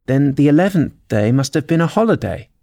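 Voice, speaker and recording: A shy, curious little storybook girl, as a man puts her on, lifted high in pitch. The manner is polite and tentative, yet eager, with a soft tone. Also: sing-song, brisk, vocal fry, dry recording, clean studio sound. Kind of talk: children's storybook character reading.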